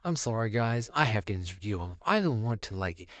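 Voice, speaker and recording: A man's voice: fairly low pitch, very animated, brisk, a bit bright, dry recording. A young man casually narrating a fan-made story in a rambling, offhand way. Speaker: YouTube storyteller.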